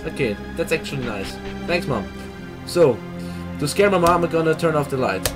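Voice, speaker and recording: An excitable young adult Austrian man on a headset mic hosts a let's play from a small room at his computer. Talking at normal speed and a fairly high pitch over music, he gives gaming commentary, swearing, laughing and reading game text aloud.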